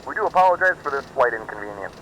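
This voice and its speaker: A man's voice: mid-range voice, animated, very fast, a bit bright, a little hiss or hum. A man playing an airline captain, giving a formal, apologetic delay notice through the cabin speaker system. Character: male airline captain making a cabin announcement. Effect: cabin PA announcement through a speaker, sounding distant.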